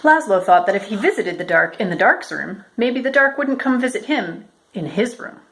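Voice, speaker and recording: A woman reading a children's picture book aloud as a storyteller, in a measured, expressive way. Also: mid-range voice. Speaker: storyteller, educator.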